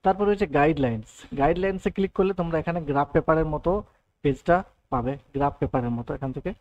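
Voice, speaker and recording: A man talks quickly through a software lesson, walking through each option one step at a time and often checking that his listeners are following. His voice sits a little high for a man, and the recording sounds muffled and lo-fi. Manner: explains step by step, often adds "thik ache" and "right". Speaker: computer tutor. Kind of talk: screen-recorded software tutorial.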